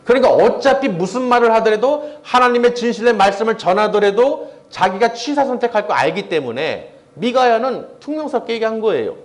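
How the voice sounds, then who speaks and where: A man's voice: high voice, expressive, a little fast, hardly any pauses. A male pastor preaching a sermon, retelling a story with animation and asking the congregation questions.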